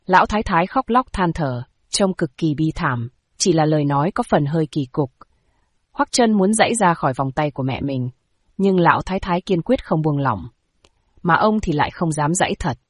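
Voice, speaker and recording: Low-voiced woman narrating a story. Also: husky, no room sound, clean studio sound. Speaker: audiobook narrator.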